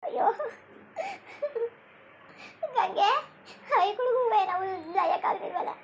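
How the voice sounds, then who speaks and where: A woman's voice: very high voice, slow, creaky, a little hiss or hum, exaggerated voice. A woman voicing a remorseful elder sister-in-law in a village cartoon, crying and wailing as she laments. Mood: sobbing lament. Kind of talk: cartoon voice acting.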